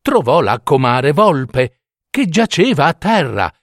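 Man, storyteller, fairy-tale narration, very slow, lively pitch, somewhat high voice. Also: dry recording, clean studio sound. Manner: slow, dramatic, expressive storytelling.

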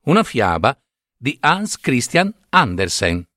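A man narrating a fairy tale in a measured, expressive storytelling manner. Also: medium pitch, heavy background noise.

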